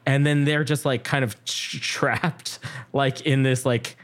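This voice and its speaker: Guy hosting a podcast, chatty, jumps around in pitch doing little quotes. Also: a little slow. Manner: animated, acts out quotes, many fillers and restarts. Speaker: podcast host. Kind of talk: casual chat.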